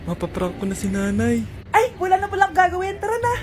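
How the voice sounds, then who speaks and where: A woman's voice: extremely high pitch, huge pitch swings, fairly quick. A woman acting out comedy skits, switching between a mother, her child and other characters. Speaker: comedy skit creator playing several roles. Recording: music playing behind.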